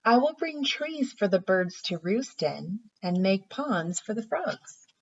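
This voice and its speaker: A woman's voice: medium pitch, sing-song, slow pace, darkish tone, slight background noise, voice pushed up. A woman reads as an earnest young boy in a bedtime storybook, full of imaginative plans. The recording is a little dull and muffled. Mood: dreamy, assured. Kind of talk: bedtime story read aloud.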